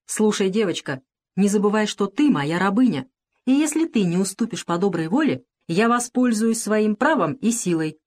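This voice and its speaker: A woman's voice: medium pitch, expressive, moderate pace, a little mellow, lightly acted. A woman reading the part of a domineering, mocking male plantation owner in an audiobook, with a harsh, commanding delivery.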